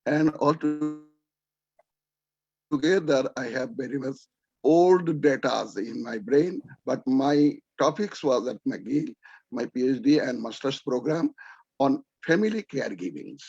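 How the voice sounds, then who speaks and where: A man from Bangladesh talks very slowly on a video call, stalling on words and circling back. The audio is dry and close, with a muffled, lo-fi sound. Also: medium pitch, vocal fry, darkish tone, breathy edge, no echo. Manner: halting, repeats words and loses track of names. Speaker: audience member asking a question. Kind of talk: rambling audience comment over video call.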